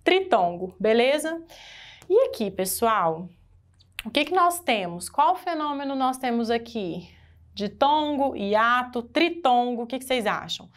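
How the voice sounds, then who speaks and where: A woman with a Brazilian Portuguese accent teaching an exam-prep grammar lesson in a lively way, asking the class questions as she goes. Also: on the high side, a little slow.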